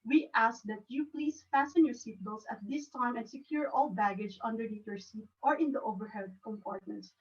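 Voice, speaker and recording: Filipino woman doing a calm flight attendant, soft polite announcement voice, highish, far-off muffled sound. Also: normal speed, few pauses, natural voice.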